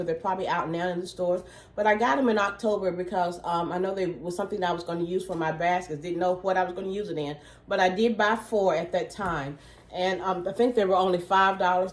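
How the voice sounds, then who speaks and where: A woman chatting casually to her viewers while showing gift totes, her voice a little worn and throaty as she clears her throat. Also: on the low side, darkish tone, echoey room. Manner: chatty, many fillers, says "okay?" to viewers. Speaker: vlogger, small gift business owner. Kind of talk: casual product show-and-tell.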